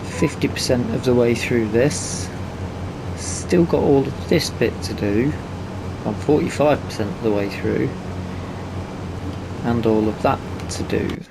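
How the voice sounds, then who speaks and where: Gravelly man, low voice, laid-back game commentary; hiss and engine hum behind. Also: unhurried. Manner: relaxed, thinking aloud. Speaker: gaming channel host. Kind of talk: casual gameplay commentary.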